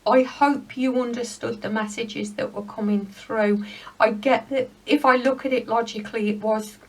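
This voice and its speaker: A woman giving a spiritual pick-a-card rune reading, speaking in a gentle, rambling, heartfelt way. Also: fairly high pitch, steady tone, moderate pace, recorded from a distance, rough recording.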